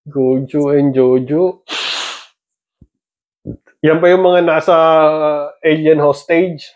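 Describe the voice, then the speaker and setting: Middle-aged dad, playful teasing vlogger, slightly high voice, dull lo-fi sound. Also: male voice, steady tone, slow. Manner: teasing, playful, laughs often. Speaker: father and vlogger. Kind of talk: casual family vlog chat.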